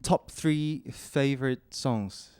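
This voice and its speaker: A man's voice: mid-range voice, slow pace, a little mellow, smooth, no room sound, clean studio sound. A man in his thirties, a native Korean speaker hosting a podcast in English, teasing and laughing often with his guest. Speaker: podcast host. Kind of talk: casual podcast chat.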